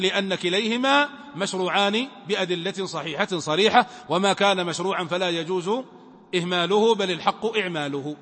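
A sheikh gives an emphatic religious lesson in a high, bright, forceful voice. He keeps posing questions to his students and answering them himself. His voice rings with the long reverb of a lecture hall. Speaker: sheikh teaching Islamic law.

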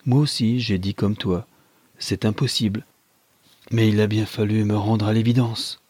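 A man reading a novel aloud, voicing a possessive older mother who speaks slowly and insistently. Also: lowish voice, fairly even intonation, darkish tone, breathy edge, no echo. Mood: coldly insistent. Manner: slow, measured, insistent. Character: Madame Daliphare, cold possessive mother, slow and deliberate.

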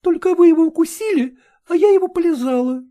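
A woman's voice: very high voice, quick pace, mellow, voice pushed up. A woman voicing a cheeky female stray dog in an audiobook, chattering in a coquettish, wheedling way. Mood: coquettish teasing. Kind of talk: audiobook character voice.

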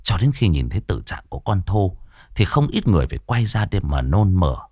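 Give me a lively male ghost story narrator. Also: deep voice, brisk, dry recording. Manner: dramatic, expressive. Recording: dry studio voice with faint music.

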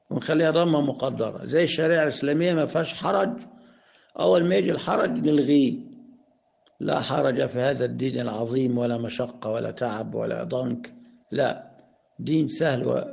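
A man with an Egyptian accent teaching Arabic grammar. He asks questions, answers them himself, and slows down to spell out example sentences. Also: a little high, gravelly, a little mellow. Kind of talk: explanatory lesson.

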